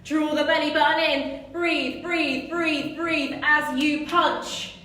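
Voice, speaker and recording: A woman's voice: high voice, steady tone, slow, sharp tone. A woman leading a live HIIT class as fitness instructor, urging people on with instructions, counts and cues. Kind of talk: live-streamed HIIT workout coaching. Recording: echoey room, distant microphone.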